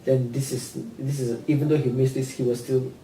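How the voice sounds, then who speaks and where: A man, a counselor and career advisor, talking haltingly in a workplace supervision meeting and often repeating words. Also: medium pitch, little pitch movement, dark tone, a little hiss or hum. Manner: halting, repeats words, leans on "you know". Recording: echoey room, mic at a distance.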